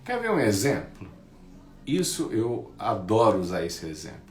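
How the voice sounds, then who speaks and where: Low-voiced man in an echoey room. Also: measured pace. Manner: animated, acts out quoted friends in mocking voices. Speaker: speaker on envy. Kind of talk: casual explanatory talk.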